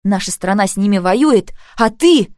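A woman's voice: medium pitch, animated, normal speed, darkish tone, no echo, clean studio sound, voice pushed up, natural voice. Woman doing a bitter girl from a labor camp. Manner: bitter, snapping.

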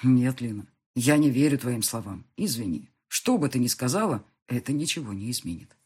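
A woman's voice: a bass voice, big pitch swings, moderate pace, darkish tone, breathy edge, pitched below the performer's own voice, heavily acted. Woman voicing a stern jealous husband. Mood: flat, distant. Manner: stern, curt, clipped. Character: cold jealous adult male husband.

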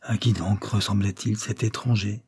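A man reading aloud voices a sensible young woman who speaks briskly and dismissively to her mother. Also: mid-range voice, warm tone, breathy edge, close to an everyday voice. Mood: brisk, questioning.

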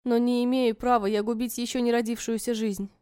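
A woman narrating a story in the first person, in a soft, measured and wistful way. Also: fairly high pitch, level tone, smooth, no echo, studio quality.

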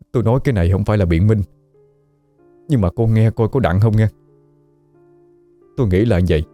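A man's voice: on the low side, mellow, dry recording, close to an everyday voice. A man voicing a remorseful villager who earnestly apologizes at a grave in a ghost story audiobook. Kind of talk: audiobook character voice.

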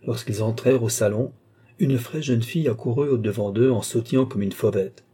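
Dark, husky-voiced man reading a story. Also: medium pitch, a little fast. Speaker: audiobook reader. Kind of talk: literary audiobook narration.

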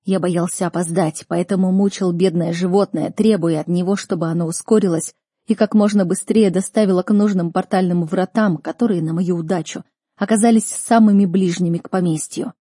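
A woman narrating a first-person audiobook in an earnest, expressive manner. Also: on the low side, a little fast, breathy edge, dry recording, clean studio sound.

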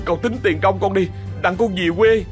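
A man's voice: high voice, lively intonation, moderate pace, fairly bright tone, faint music behind, pitched above the performer's own voice. A man voicing a terrified young male servant who stammers and pleads in a ghost story. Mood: pleading. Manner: whimpering, pleading, frantic.

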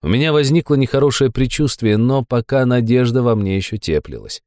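A man narrating a first-person audiobook with wry, deadpan asides. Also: mid-range voice, fairly quick, no room sound, clean studio sound.

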